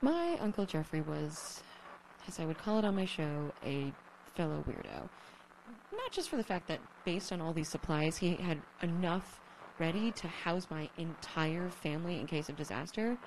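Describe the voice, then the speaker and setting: A woman's voice: deep voice, sing-song, normal speed, a little mellow, slight background noise, low-quality recording. A woman playing a young survivor who broadcasts alone on the radio, rambling and self-deprecating, swearing when flustered, in an audio drama. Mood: wry. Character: young woman survivor, lonely, nervous, wry.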